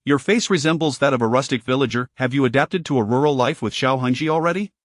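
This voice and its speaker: A man's voice: mid-range voice, quick pace, dry recording, studio quality, lightly acted. A man voicing an arrogant young noblewoman with a haughty, mocking manner.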